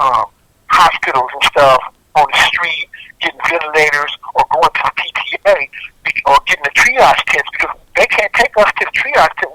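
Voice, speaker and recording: A man's voice: a little high, sharp tone, no echo. A man on death row talking over a prison phone call, rambling and circling back with lots of fillers. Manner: rambling, repeats himself, many fillers. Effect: heard over a prison phone call. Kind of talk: recorded phone testimony. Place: prison cell block.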